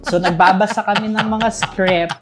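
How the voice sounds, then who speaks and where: A man's voice: sits high, fairly even intonation, moderate pace. Laughing Visayan man telling stories. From Southern Leyte, Philippines. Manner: candid, laughs often while telling stories. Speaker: guest, call center manager. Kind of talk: casual interview chat.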